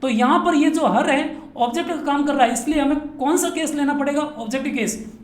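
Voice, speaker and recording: A man from Rajasthan, India, teaches grammar a little fast with an extremely high-pitched voice. Asking and then answering his own questions, he playfully drills the students and repeats each point again and again. The space is echoey, with faint background noise.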